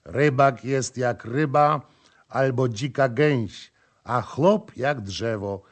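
A man's voice: mid-range voice, slow pace. A man voicing a proud, cheerful boatman who boasts and jeers in an audiobook. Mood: boastful. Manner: boastful, mocking laughter.

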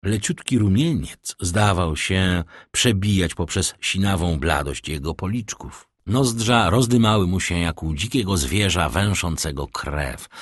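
Husky, lively male storyteller. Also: deep voice, no room sound, clean studio sound. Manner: expressive, dramatic storytelling. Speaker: audiobook narrator. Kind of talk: scripted narration of a classic novel.

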